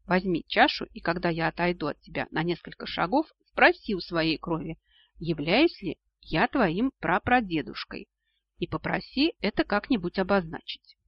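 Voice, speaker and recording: A man's voice: high-pitched, normal speed, slightly rough, no room sound, exaggerated voice. A man doing a doting old vampire ancestor. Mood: calm. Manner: calm, explaining, fond. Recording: dull lo-fi audio.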